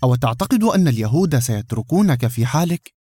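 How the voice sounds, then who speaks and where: Devoted gentle wife, voiced by a male reader, soft and lively in tone. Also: medium pitch, fast talker, slightly rough, no room sound, clean studio sound. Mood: questioning.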